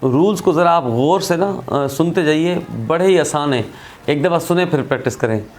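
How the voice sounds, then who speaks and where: Male tutor, slightly high voice, patient and repetitive, for a recorded spelling lesson. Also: normal speed, darkish tone, faint music behind. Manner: patient, repeats points, checks in with "theek hai". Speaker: English teacher.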